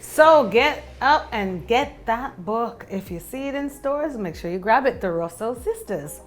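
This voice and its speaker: A woman's voice: a little high, animated, a little slow. A woman hosting an interview, playful and encouraging as she asks questions. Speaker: host. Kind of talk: casual conversational interview.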